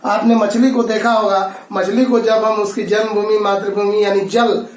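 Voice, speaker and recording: A man with a very high voice explains a lesson slowly and patiently, going back over his phrases. He sounds some way from the mic, and the room gives his voice a strong echo. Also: flat delivery, recorded from a distance, a little hiss or hum. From India. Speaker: school teacher. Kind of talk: classroom lesson.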